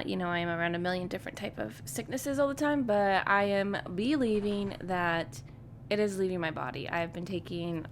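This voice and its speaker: A woman's voice: medium pitch, a little hiss or hum. Congested young woman rambling casually. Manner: rambling, filler-heavy with frequent likes and ums. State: congested, stuffed up. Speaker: podcast host. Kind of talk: casual solo podcast chat.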